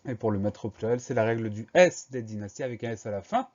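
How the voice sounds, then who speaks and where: A man teaching a spelling lesson to young pupils, spelling each word slowly, letter by letter. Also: fairly low pitch, animated, a little mellow, dull audio. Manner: slow, careful letter-by-letter dictation.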